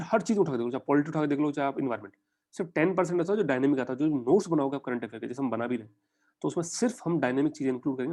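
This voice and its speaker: A young Indian man giving a conversational exam-prep lecture, often putting quick questions to his students. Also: medium pitch, darkish tone. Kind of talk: online lecture in mixed Hindi and English.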